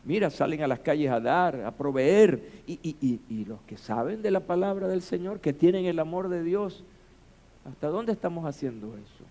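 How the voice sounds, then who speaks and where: Man, pastor, sermon, fairly high voice, swells to shouting. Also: animated, moderate pace. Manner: preaching with rising, shouted emphasis and rhetorical questions.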